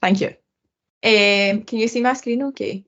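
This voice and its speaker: A woman's voice: mid-range voice, steady tone, unhurried, a bit bright. A woman giving a casual, loosely worded webinar presentation, heard over a video call. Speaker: presenter sharing her screen. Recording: dull lo-fi video call audio.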